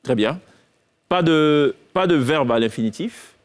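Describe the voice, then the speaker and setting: Fields: Sex: man. Role: quiz show host. Pitch: fairly high. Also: lively intonation. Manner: brisk, theatrical quizmaster, counting down and announcing scores. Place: TV studio.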